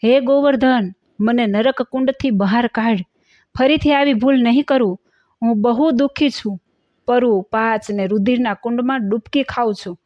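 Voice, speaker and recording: A woman reads a scheming older aunt from a devotional storybook, in a slightly high voice, by turns pleading and indignant. The sound is dull and dry, with no room around it. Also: moderate pace, dry recording, lightly acted. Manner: pleading, then defiant and indignant.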